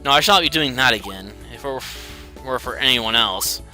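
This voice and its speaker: A man's voice: mid-range voice, animated, a little fast, bright, forceful tone, soft background music. A man voicing a seductive female pixie succubus who talks in a formal, theatrical way. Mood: infatuated.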